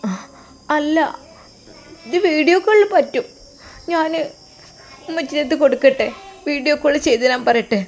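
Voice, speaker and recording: A small, tearful girl who begs for her father in a high, pleading voice, as a woman puts her on. The voice rises well above the storyteller's own and keeps a wistful ache through every line. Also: normal speed, pauses often, soft background music, close to an everyday voice.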